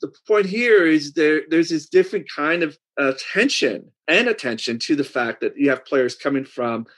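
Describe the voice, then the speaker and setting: A man speaking on a discussion panel, thoughtful and hesitant, pausing with fillers as he searches for names. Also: on the high side, lively intonation, a bit bright. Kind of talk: discussion, thinking aloud.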